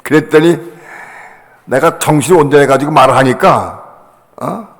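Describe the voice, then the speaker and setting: An older man, a pastor, telling a personal story in a sermon, acting out other voices with sudden loud bursts. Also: on the high side, moderate pace. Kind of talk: sermon testimony. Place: church sanctuary. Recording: long hall reverb.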